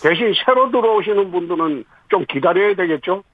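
A man, a city government official, answering radio interview questions and explaining policy point by point with pauses. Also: sits high, expressive, dry recording. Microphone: phone. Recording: tinny phone line.

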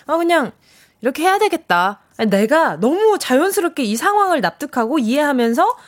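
A woman's voice: sits high, sing-song, fairly quick. A young woman hosting a radio show, reading listener messages in a chatty, encouraging way and acting out quoted lines.

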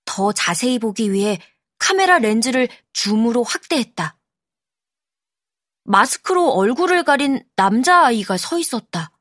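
A woman narrating an audiobook in a calm, measured storytelling manner, close to the mic. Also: on the high side, no room sound. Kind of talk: scripted narration.

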